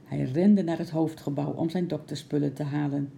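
A woman narrating a children's storybook aloud in a calm, lively way. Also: sits low, moderate pace, gravelly, slight background noise.

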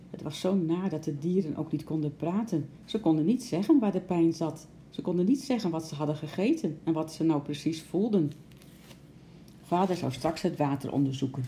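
A woman narrating a children's story aloud in a gentle, expressive way. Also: sits low, gravelly, slight background noise.

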